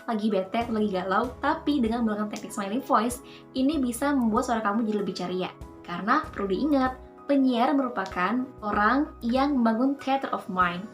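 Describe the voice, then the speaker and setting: Upbeat young woman with a light high voice. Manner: cheerful, upbeat, explanatory. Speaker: voice-over coach and channel host. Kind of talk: casual tutorial talk.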